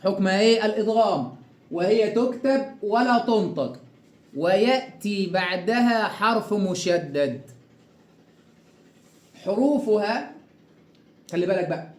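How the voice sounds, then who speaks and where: A man with an Egyptian accent teaching Quran recitation rules, asking questions and answering them himself, and drawing out each example word slowly. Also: sits high, lively intonation, echoey room. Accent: Egyptian Arabic. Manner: asks and answers his own questions, stretches example words slowly. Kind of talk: tajweed lesson.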